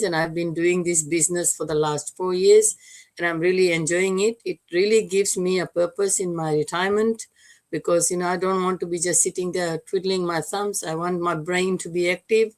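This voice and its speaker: A retired woman in her sixties from Fiji, co-hosting an online show and introducing herself in a relaxed way. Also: fairly low pitch. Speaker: co-host. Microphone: video call.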